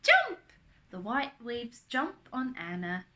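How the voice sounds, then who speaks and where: Animated woman reading a storybook aloud. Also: on the high side, measured pace. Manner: animated, with asides and questions to young listeners. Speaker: storyteller reading a picture book. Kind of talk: read-aloud for children.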